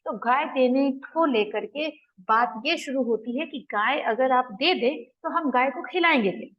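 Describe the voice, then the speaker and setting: A woman's voice: sits high, measured pace. A woman teaching a Hindi play, retelling its scenes, reading out the characters' lines and explaining words in simple terms. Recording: dull lo-fi recording.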